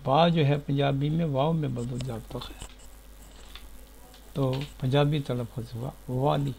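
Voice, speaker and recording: A man teaching word origins in a slow, deliberate lecture, spelling out letters one by one, recorded in a sitting room at home. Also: medium pitch, steady tone, vocal fry, a little mellow, slight background noise, low-quality recording. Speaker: etymology teacher.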